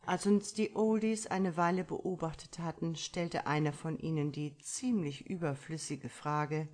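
A woman reads a first-person story aloud with a deep, low voice. Her telling is measured and expressive, the steady delivery of a practiced audiobook narrator. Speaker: audiobook reader.

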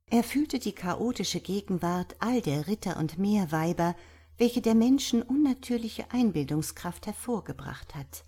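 A woman narrating an audiobook in a steady, even storytelling manner. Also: medium pitch, unhurried, breathy edge.

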